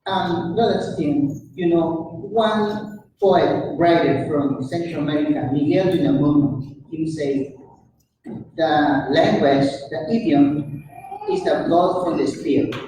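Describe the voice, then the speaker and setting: Man from Peru, halting speaker with many fillers, slightly higher voice, echoey hall, picked up from afar, noisy. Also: recorded from a distance. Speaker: public commenter. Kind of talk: public comment at a meeting.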